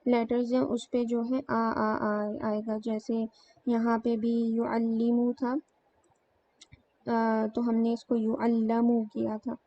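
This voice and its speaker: Slow, flat-voiced woman teaching grammar. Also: fairly high pitch. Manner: slow, explains step by step with many fillers. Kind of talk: grammar lesson. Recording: dull lo-fi sound with faint noise.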